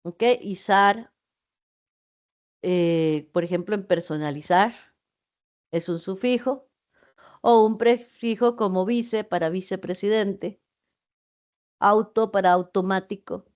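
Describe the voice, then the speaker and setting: Middle-aged woman teacher, casual explanatory delivery with fillers, mid-pitched, slightly dull video-call audio. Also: fairly even intonation, slow pace, long pauses, a little mellow. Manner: explanatory, conversational, with frequent fillers and asides. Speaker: university teacher. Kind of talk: online class lecture.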